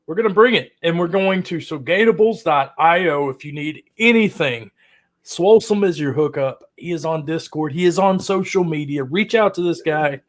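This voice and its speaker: A man hosting a fantasy football podcast, talking fast with energetic, slangy banter. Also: on the high side. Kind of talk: casual hyped-up podcast chat.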